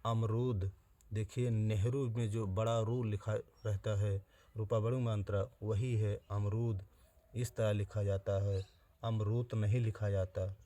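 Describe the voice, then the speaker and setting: A man teaching an exam-prep spelling lesson, speaking straight to his students and slowly repeating each word to spell it out. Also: fairly low pitch, flat delivery, mellow. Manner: plain direct address to students.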